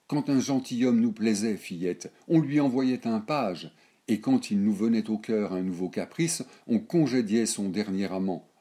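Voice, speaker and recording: A man's voice: on the low side, dark tone, voice pushed up, close to an everyday voice. A man voicing an indignant, worldly old grandmother of noble birth who lectures her granddaughter in a scornful, declamatory way in a storybook reading.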